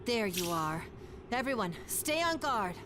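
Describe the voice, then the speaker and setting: An actress playing a composed, analytical young detective in a video game, precise and formal. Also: female voice, on the high side, big pitch swings. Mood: alert. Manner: precise, formal, measured wording. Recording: noisy background.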